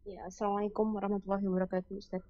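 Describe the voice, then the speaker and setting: A woman's voice: mid-range voice, level tone, racing, muffled recording, slight background noise. A woman calling in to ask a question, hesitant and searching for words. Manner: hesitant, many fillers. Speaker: caller. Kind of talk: asking a question.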